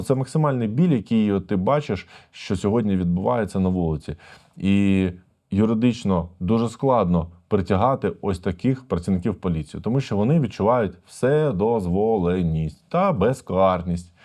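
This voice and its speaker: A man's voice: fairly low pitch, brisk, mellow. A man, a lawyer, commenting on a video for viewers, emphatic and full of rhetorical questions.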